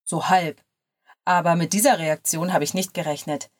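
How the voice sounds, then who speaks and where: Woman voicing an easygoing young male lawyer; drop the pitch a little, keep it soft and relaxed. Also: normal speed, close to an everyday voice. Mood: teasing. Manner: lower, softer, relaxed murmur.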